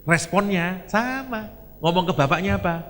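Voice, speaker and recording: A man with an East Javanese accent preaching a sermon, telling the story in a lively way with Javanese and English asides. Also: high voice, normal speed, big-room sound, slight background noise.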